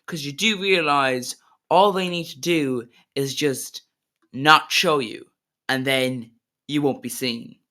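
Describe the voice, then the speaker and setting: Rambling man with a bright voice. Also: mid-range voice, slow pace. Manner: hesitant, rambling. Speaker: video reactor. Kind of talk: casual commentary.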